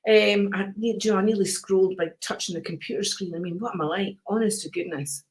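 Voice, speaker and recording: An older Scottish woman chats easily with her viewers while hosting a live card-reading stream. She keeps dropping in endearments such as darling and sweetheart, speaking fairly quickly in a calm, soothing, mid-range voice.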